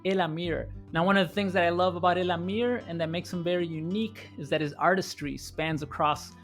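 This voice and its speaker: A man's voice: high-pitched, steady tone, brisk, a bit bright. A man hosting a guitar podcast, giving a polished, upbeat introduction and asking interview questions. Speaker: podcast host.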